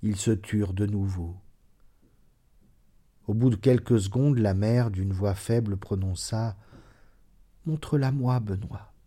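A man reading a classic short story aloud in a measured, dramatic way. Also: lowish voice, steady tone, warm tone. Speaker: reader.

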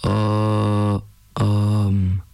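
A man voicing a hulking, sorrowful turtle-man creature who speaks in broken, halting phrases with a rocky, rumbling voice. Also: monotone, creaky, mellow, clean tone, heavily acted. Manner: halting two-word phrases.

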